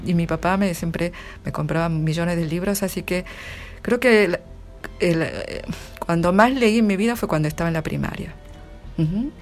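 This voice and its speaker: Speaking with an Argentine Spanish accent, a middle-aged woman who translates literature gives casual interview answers, laughing frequently and restarting often. Her voice sits fairly low and her speed is normal, and soft background music plays.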